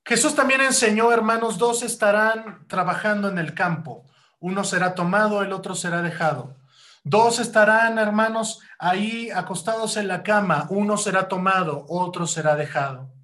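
High-voiced man preaching a sermon. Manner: rhetorical questions, keeps calling hearers "hermanos"; loud rising bursts, slow deliberate stretches when defining. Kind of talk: sermon teaching.

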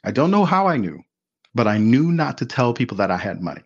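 A man shares personal stories in a relaxed conversation, his husky voice swinging up and down as he acts out the people in them. The sound is dull and slightly lo-fi. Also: mid-range voice, brisk. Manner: animated, acts out voices in quotes. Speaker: podcast guest. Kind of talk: candid storytelling in conversation.

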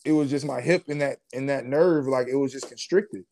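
A former pro football player in his twenties tells his story in a casual interview, his medium-pitched voice gravelly and a little fast. He sounds relaxed, uses casual slang, and fills his speech with fillers and restarts.

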